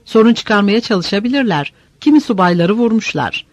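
A man's voice: sits high, lively intonation, moderate pace, no echo. A man reading an audiobook, voicing a weary, doubtful male soldier who talks grimly and insistently. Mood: worried. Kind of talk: audiobook character voice.

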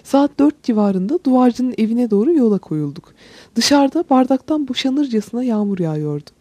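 A woman narrating an audiobook in a calm, measured way. Her voice sits somewhat high and is mellow and breathy, recorded dry and close. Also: no room sound.

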